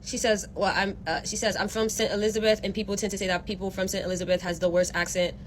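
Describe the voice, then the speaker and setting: A woman's voice: medium pitch, a little hiss or hum. A woman hosting a reaction video, talking casually and playfully and laughing often. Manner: animated, playful, quick to laugh.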